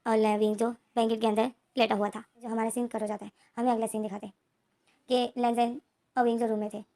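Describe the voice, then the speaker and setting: A woman's voice: fairly high pitch, level tone, fairly quick, warm tone. A woman casually retelling a story in a chatty way, with many filler connectives. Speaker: story narrator.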